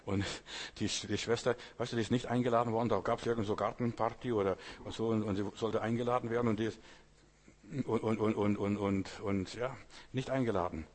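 Husky-voiced man preaching, talking straight to the congregation, repeating his urging lines with rising force. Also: lowish voice, steady tone, fairly quick. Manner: conversational, keeps asking the audience "weißt du"; repetitive exhortation, rising loud on key phrases. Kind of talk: sermon.

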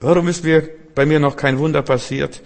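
A man voicing a whining believer who pleads in a high, plaintive voice, with a long hall reverb. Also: steady tone, brisk, close to an everyday voice. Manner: high-pitched, plaintive questioning. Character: whiny complaining believer, any adult.

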